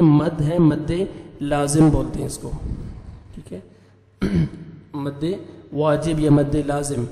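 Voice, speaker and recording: A man teaching Quran recitation, spelling out letters and vowel marks, then chanting the words slowly and melodically with quick explanations in between. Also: a little high, warm tone, echoey room, big-room sound, slight background noise, rough recording. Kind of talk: spelling out and reciting verses with tajweed rules.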